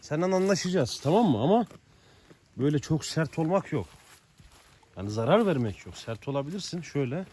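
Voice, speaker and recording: A man's voice: fairly high pitch, animated, a little fast, darkish tone, slight background noise. A man talking casually to his animals and his viewers on a farm, coaxing them one moment and giving firm commands the next. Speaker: farm vlogger with horses and dogs. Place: outdoors on a rural farm.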